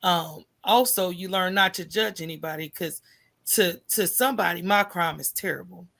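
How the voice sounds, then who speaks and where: A gravelly, fairly low-pitched American woman talks at a normal speed. She's a podcast guest telling candid conversational stories, animatedly acting out recalled dialogue and often asking "right?" as she goes.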